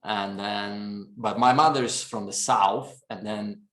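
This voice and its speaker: Podcast guest, Polish accent, rambling storyteller in a roomy room. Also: male voice, lowish voice, steady tone, slow pace, fairly bright tone. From Poland. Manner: chatty, laughs often, fills with "and then" and "you know". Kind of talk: casual storytelling chat.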